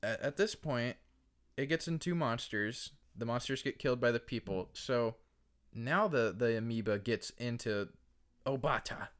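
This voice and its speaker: A man's voice: medium pitch, moderate pace. Casual swearing podcast guy. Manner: swears freely, animated retelling of a film plot. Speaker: podcast co-host.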